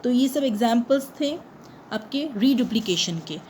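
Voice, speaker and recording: A woman teaching a grammar lesson. She asks the class questions, answers them herself, and reads definitions slowly. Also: on the high side, lively intonation, warm tone, slight background noise, low-quality recording.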